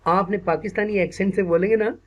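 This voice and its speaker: A man with a Pakistani accent teaches a class of teachers online. His voice sits fairly high. He repeats key words slowly and keeps checking in with his listeners. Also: fairly even intonation. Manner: mixes English phrases into speech, asks "ठीक है ना" often. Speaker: teacher trainer. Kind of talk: online teacher-training lecture.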